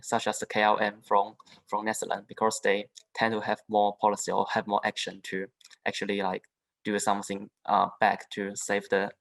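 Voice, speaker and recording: Young man from southern China, halting. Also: fairly low pitch, a bit bright, rough recording. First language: Chinese. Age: young adult. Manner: halting, with frequent restarts and fillers. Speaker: international student panelist. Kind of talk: webinar panel talk. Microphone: video call.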